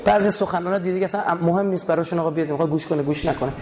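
A man from Iran giving an animated religious lecture to a live audience, asking rhetorical questions and explaining words one by one. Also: fairly high pitch, a little hiss or hum. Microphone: recording his own lecture.

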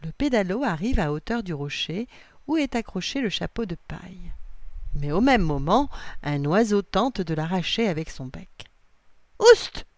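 A woman reading a children's storybook aloud in an expressive read-aloud manner. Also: fairly low pitch, normal speed, no room sound.

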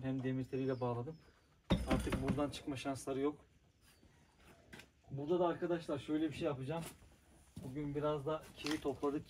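A man's voice: mid-range voice, noisy background. A man casually vlogging outdoors, chatting to viewers as he shows his yard and dogs. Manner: chatty, addresses viewers as friends. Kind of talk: casual outdoor vlog narration.

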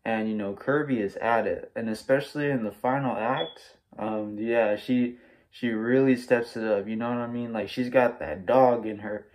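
A man's voice: medium pitch, fairly even intonation, moderate pace, darkish tone, low-quality recording. A young American man casually reviews a movie in an enthusiastic, slangy way, speaking through a face mask. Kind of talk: casual spoiler-free video review. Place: small room at home, indoors.

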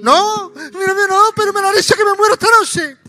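A man's voice: extremely high pitch, a little fast, sharp tone, faint music behind, voice pushed up, exaggerated voice. A man playing a wailing tearful girl. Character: crying young girl.

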